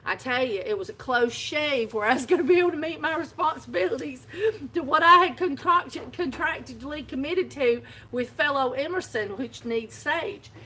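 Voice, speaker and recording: High-pitched, sharp and animated, this woman keeps a moderate pace as she hosts a casual phone live video from her own shop, laughing often through a long, wandering story.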